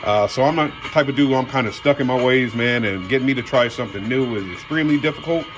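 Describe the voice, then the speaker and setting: A car audio vlogger with a mid-range voice talks at a quick pace during a casual product unboxing. His speech is colloquial, and he refers to viewers as "y'all" and "man."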